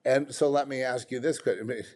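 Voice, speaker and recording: A man's voice: medium pitch, steady tone, fast talker, a little mellow. A man giving off-the-cuff commentary, rambling and exasperated, full of restarts and rhetorical questions.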